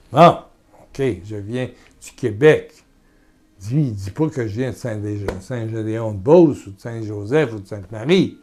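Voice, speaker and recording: A man with a Québécois French accent preaching a sermon and leading a guided prayer. He is earnest and repetitive, swinging from loud urging to soft murmurs. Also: mid-range voice.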